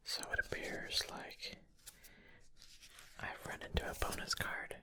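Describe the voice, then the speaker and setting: An ASMR host whispers a pep talk full of affirmations, her breathy voice offering playful, tongue-in-cheek encouragement at an unhurried pace.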